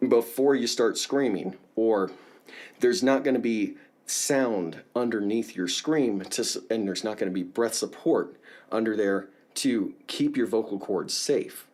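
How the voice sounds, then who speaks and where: A man teaching a casual singing lesson, explaining in a relaxed way and often checking in with the viewer. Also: fairly low pitch, measured pace.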